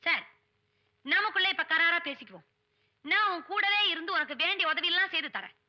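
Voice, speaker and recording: A scared comic fortune teller. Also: female voice, very high voice, expressive, muffled recording. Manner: quick comic banter, mock bravado. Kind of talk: Tamil film comedy dialogue.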